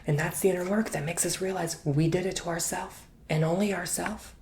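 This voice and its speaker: A man giving an intimate, chatty ASMR tarot reading, drifting between soft speech and whispers and calling the listener honey. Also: high voice, steady tone, a little fast, slight background noise. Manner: repeats words for emphasis. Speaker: tarot reader.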